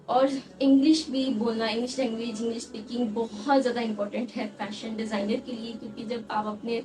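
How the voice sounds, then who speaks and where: A young woman with a higher voice gives earnest advice to students in a casual vlog, mixing English words into her talk. She sounds a little distant from the mic. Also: level tone. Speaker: fashion design student giving advice.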